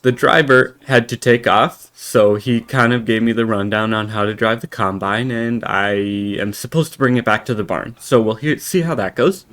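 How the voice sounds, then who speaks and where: An American man giving in-character roleplay commentary while playing a farming game, halting and rambling with many restarts. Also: on the low side, a bit bright. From United States. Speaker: game roleplayer and channel host.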